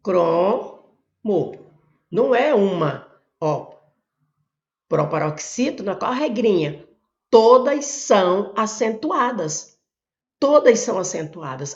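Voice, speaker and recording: Brazilian woman teacher explaining, lively pitch. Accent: Brazilian Portuguese. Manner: explains step by step with frequent "ó" and "olha" while pointing at the board. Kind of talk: exam prep lesson, working through questions. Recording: echoey room, dull lo-fi sound.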